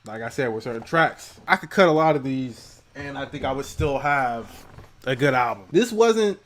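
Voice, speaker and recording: Animated male co-host giving album opinions. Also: mid-range voice, normal speed. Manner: animated, swings between hype and mumbled asides. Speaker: co-host of album review show. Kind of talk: casual review chat.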